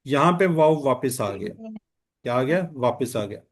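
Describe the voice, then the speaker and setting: A male Quran and Arabic grammar teacher leads an online class lesson on a video call. Speaking in a steady, mid-pitched voice, he patiently keeps quizzing students with repeated questions.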